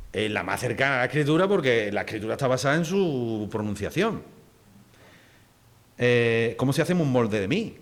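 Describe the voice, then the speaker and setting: A middle-aged man from Huelva with an Andalusian accent, giving a public linguistics lecture in a casual, digressive way with many fillers and restarts. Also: mid-range voice. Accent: Andalusian Spanish. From Huelva, Spain.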